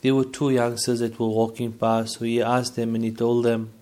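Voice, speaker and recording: A man giving a sermon, telling a moral story in a measured, steady way. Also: medium pitch. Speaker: Islamic preacher.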